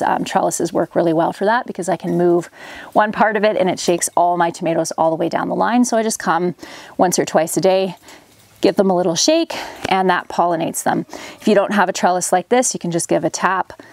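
A farm vlogger in her thirties talks casually in a lowish, gravelly voice with a darkish tone, explaining her gardening and beekeeping as she works. It's how-to vlog narration recorded close on a handheld camera in a plastic greenhouse and an outdoor farmyard, with no echo.

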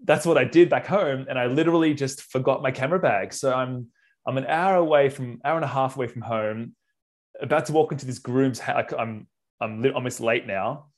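A middle-aged Australian man, a wedding photographer, telling a story casually and acting out quoted lines, clearing his throat now and then. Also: medium pitch, a little fast. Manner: animated, acts out quotes, frequent clears throat.

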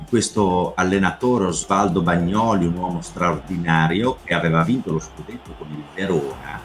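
A middle-aged man from Italy chatting casually and commenting on football highlights in an animated, repetitive way over a video call. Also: moderate pace, soft background music. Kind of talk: casual chat and informal match commentary. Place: home room, video call. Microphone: computer microphone on a video call.

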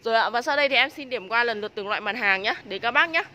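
A woman with a northern Vietnamese accent giving a casual, hard-selling sales pitch as a nursery seller, recorded on a handheld phone. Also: animated, rapid-fire, pushed and bright. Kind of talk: casual sales pitch, live product walk-through. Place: covered plant nursery and shop. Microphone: handheld phone behind the camera. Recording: noisy handheld recording with ambient sound.

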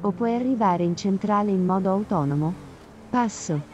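A woman's voice: mid-range voice, normal speed, muffled recording, noisy background. Synthetic woman police dispatcher. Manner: flat formal radio phrases.

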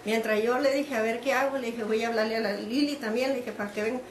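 This is a middle-aged woman from Mexico, recounting events in a lively way and slipping into the voices of the people she quotes. Her voice sits a bit high, and the recording has a noticeable room echo. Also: fast talker. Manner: animated storytelling, acting out quoted dialogue. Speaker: interviewee, mother of the detained woman. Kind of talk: emotional personal account. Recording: echoey room.

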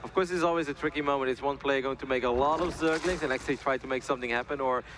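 A male esports caster calling a live match in a quick, chatty, upbeat way. He rattles through the details at a brisk clip. His voice sits in an ordinary middle register. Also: mid-range voice, a bit bright. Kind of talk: live game commentary.

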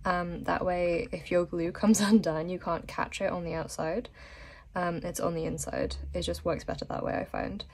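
A woman's voice: on the low side, big pitch swings, normal speed, creaky, a little mellow. A woman vlogger chatting casually to camera while sick and a bit weak, rambling with many ums and little laughs.

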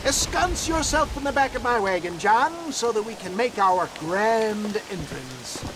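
A man's voice: high-pitched, animated, unhurried, background noise. A man voicing a grandiloquent, crafty older snake-oil salesman in a Western video game, with florid showman's patter. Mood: grandly instructing. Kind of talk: theatrical Western game acting.

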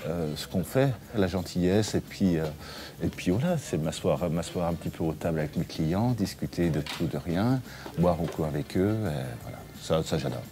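A man in his forties, a restaurant owner, talking in an interview in a relaxed, chatty way, with fillers and restarts. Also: low-pitched, normal speed, a little hiss or hum. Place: his restaurant dining room.

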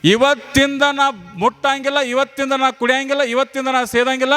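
Guy doing a repentant village husband, high voice, swearing off drink in a chanty way. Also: fairly even intonation, normal speed, fairly bright tone. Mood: solemn. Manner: earnest, repeating vow lines.

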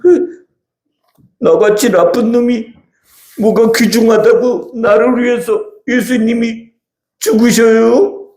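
A man's voice: extremely high pitch, fairly even intonation, slow, darkish tone, heavily acted. A man voicing a naughty young boy puppet in a live children's church puppet show, whiny and pleading. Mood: wondering. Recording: echoey church hall, faint noise.

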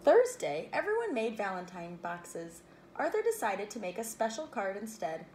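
A woman reading a children's picture book aloud, expressive, breaking off for playful asides to her listeners. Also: medium pitch, normal speed, slight background noise. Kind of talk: read-aloud storytelling.

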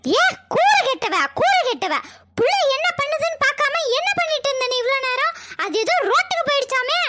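A woman's voice: very high voice, big pitch swings, brisk, sharp tone, slight background noise, exaggerated voice. A woman voicing a bossy older mother-in-law who scolds and nags. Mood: scolding. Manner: scolding, nagging.

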